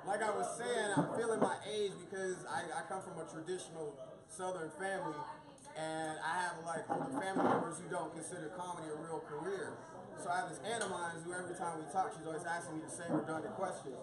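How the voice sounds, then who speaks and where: High-pitched thirties guy from florida doing stand-up, roomy echo, loud crowd laughing. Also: fairly even intonation, fast. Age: 30s. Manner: profane, storytelling, acts out quoted voices. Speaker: stand-up comedian. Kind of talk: stand-up set. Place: small dark comedy venue. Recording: echoey room with loud crowd. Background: audience laughter.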